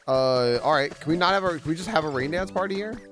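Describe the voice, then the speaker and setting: A man's voice: on the high side, fast, over music. A man streaming a video game live, chatting with viewers and cheering at what happens on screen. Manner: excitable, chats with viewers, talks to characters. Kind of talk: casual live game commentary.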